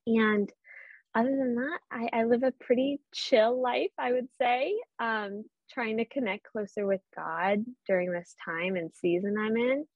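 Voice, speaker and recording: A seventeen-year-old girl with a Boston accent appears as a podcast guest, earnestly answering interview questions with frequent ums. Her teen voice is fairly high and a little slow, recorded with no room sound but a dull lo-fi quality.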